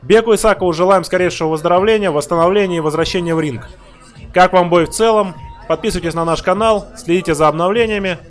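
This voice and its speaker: A man's voice: high-pitched, fast. A man giving live sports commentary on a fight as its commentator. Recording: loud crowd, music behind voice. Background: crowd and music.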